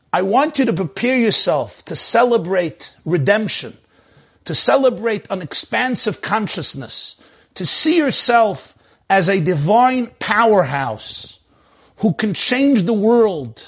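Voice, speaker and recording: High-pitched rabbi. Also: male voice, very animated, slow, breathy edge. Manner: emphatic, rhetorical questions, peppered with Hebrew and Yiddish. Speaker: rabbi giving a talk. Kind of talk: animated sermon on a video call. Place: video call.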